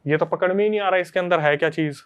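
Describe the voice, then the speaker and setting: A man hosting a podcast, telling a story to his friends in a casual, animated way. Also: sits high, very fast, smooth, highs cut off. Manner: animated, conversational retelling to friends.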